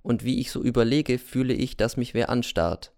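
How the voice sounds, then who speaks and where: Smooth-voiced man reading an audiobook. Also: medium pitch, a little mellow, dry recording, studio quality. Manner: measured, introspective first-person telling. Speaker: narrator. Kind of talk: scripted audiobook narration.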